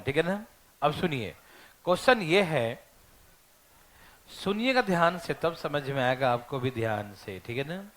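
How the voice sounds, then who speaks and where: A man's voice: on the high side, a bit bright. A male math teacher lecturing a classroom, teasing his students and checking in with them constantly.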